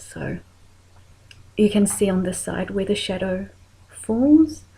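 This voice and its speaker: A woman with a New Zealand accent talking through a makeup tutorial in a soft voice that often drops to a whisper while she works. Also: mid-range voice, husky, poor audio.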